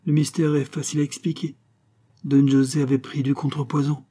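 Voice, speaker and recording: A man reading an audiobook and voicing a cold, scheming mysterious man who speaks calmly and with command. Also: medium pitch, a little fast, voice pushed up, natural voice. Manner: icy, calm, commanding.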